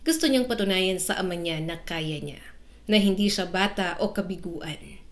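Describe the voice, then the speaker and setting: A woman telling a romance drama story in scripted, steady narration. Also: on the low side, moderate pace.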